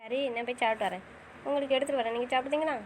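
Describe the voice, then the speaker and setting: A woman acts out an audio drama in a pleading, questioning manner. Her voice is high and her delivery quick, with faint noise behind it. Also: steady tone, poor audio. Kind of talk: casual audio drama acting.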